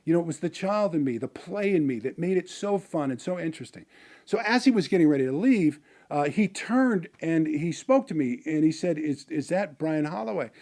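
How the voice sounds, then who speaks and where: A man's voice: on the high side, lively intonation, fairly quick, darkish tone. A middle-aged man, a motivational business speaker, telling a personal story in a rambling way, with many fillers and restarts.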